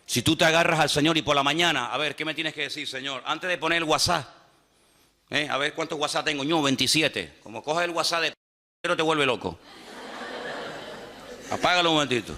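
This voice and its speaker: A man in his sixties from Venezuela preaching a sermon at a church retreat, lively and humorous, acting out the people he quotes. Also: on the high side, a little fast, long pauses. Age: 60s. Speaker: pastor. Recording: hall with long reverb.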